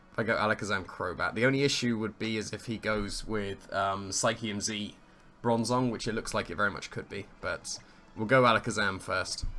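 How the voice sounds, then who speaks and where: A man with a slightly hoarse, croaky voice gives casual play-by-play of his own competitive match, thinking aloud, weighing his options and chuckling at his own plays. His pitch is fairly low and his tone sharp.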